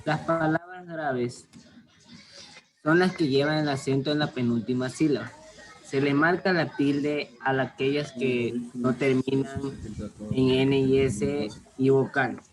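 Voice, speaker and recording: A man, a student, reading his part of a class presentation in a halting way with small slips. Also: medium pitch, fairly even intonation, poor audio.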